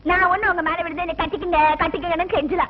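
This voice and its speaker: A woman's voice: very high-pitched, fairly even intonation, fast talker. An actress playing a young village wife who nags her husband to take her to the city. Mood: nagging. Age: young adult. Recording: dull old film soundtrack with faint music.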